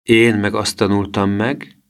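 A man voicing a gentle, worried mother in an audiobook reading. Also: fairly low pitch, level tone, clear, resonant tone, voice pushed up, lightly acted. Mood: earnest.

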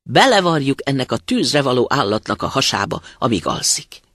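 An anxious mother goat, put on by a storyteller, calling out loudly and urgently. The voice is gravelly and lively in pitch, recorded close and dry. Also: no room sound. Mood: commanding. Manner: loud and urgent when calling. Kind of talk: storybook reading.

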